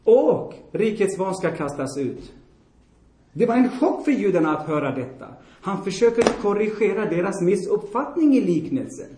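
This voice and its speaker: Blunt, high-voiced male preacher, echoey hall. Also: big pitch swings, mellow, a little hiss or hum. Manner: blunt, emphatic, repeats for stress; addresses the congregation with questions. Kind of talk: sermon. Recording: roomy echoing hall.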